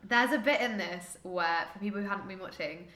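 A woman co-hosting a casual film chat, talking loosely with lots of fillers and quick laughs. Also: medium pitch, bright, forceful tone, reverberant. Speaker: podcast co-host.

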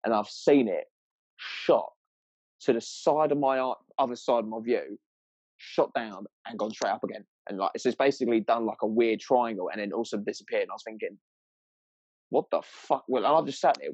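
A man's voice: lowish voice, a little mellow, lo-fi sound. A man with a southern English accent telling anecdotes in casual, sweary, slangy chat, rambling along in a matey way.

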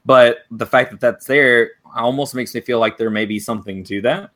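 A man co-hosting a casual fan podcast, animated and laughing often. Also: normal speed. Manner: animated, laughs often, acts out quotes in a higher voice. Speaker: podcast co-host.

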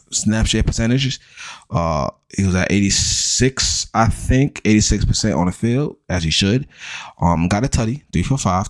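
A man hosting a fantasy football show, talking casually and bluntly with lots of swearing, rattling off stat lines and mocking the hype around players. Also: low-pitched. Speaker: fantasy football podcast host. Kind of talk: casual profane sports chat.

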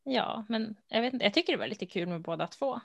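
A woman co-hosting a casual chat, speaking in a relaxed, thoughtful way with hesitant fillers. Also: on the high side, vocal fry, no room sound. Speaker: podcast co-host. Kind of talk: casual chat about knitting.

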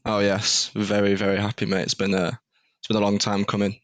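Young male guest, South Yorkshire accent, low and quick, casual matey chat full of slang. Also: monotone, a bit bright, dry recording. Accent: South Yorkshire English. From Doncaster, northern England. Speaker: events promoter, interview guest.

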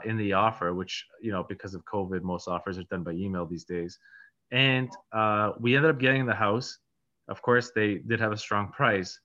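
Sharp in tone and fairly low in pitch, a thirtysomething man born in Poland fields interview questions casually and at length, stumbling through fillers and restarts. He is a real estate agent who hosts a podcast, and the recording sounds dull and lo-fi.

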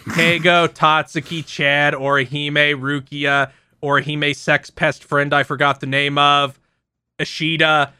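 A man with a bright, forceful tone and a fairly high voice runs through episode plots in casual, profane podcast chat. His recording is close and very dry. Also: flat delivery, measured pace, smooth, no echo. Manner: rambling plot recap with frequent profanity and laughs. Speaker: podcast co-host recapping episodes.

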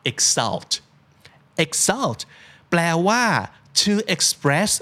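A man's voice: fairly high pitch, sing-song, extremely slow, pushed and bright. A man hosting a casual vocabulary podcast, explaining words in a chatty way and spelling them out letter by letter. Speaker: podcast host.

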